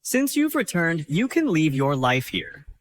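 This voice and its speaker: A man's voice: on the high side, sing-song, a little slow, dry recording. A man playing a sneering noble villain. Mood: arrogant. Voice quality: sneering, boastful, turns pleading. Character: arrogant young male noble, prime minister's son. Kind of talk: dubbed short drama.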